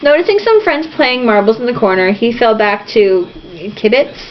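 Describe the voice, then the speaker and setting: A woman reads a novel aloud informally, theatrical and irreverent, tossing in asides. Her fairly high voice is very animated and moves at a moderate pace. It's a dull lo-fi home recording with faint noise.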